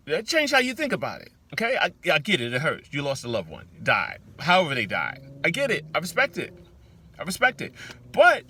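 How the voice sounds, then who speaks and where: A man in muses in a loose, spiritual monologue, dragging out and repeating words. His voice is fairly high and bright and rises and falls widely as he talks. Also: husky. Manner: animated, swings into loud high mock-shouts. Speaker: vlogger.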